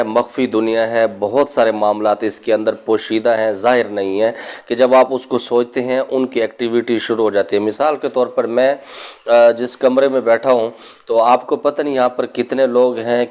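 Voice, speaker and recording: A man's voice: mid-range voice, a little mellow. A man, a spiritual healer, speaking indoors and giving earnest, cautionary religious advice to his viewers, with stories from his own practice. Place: indoor room.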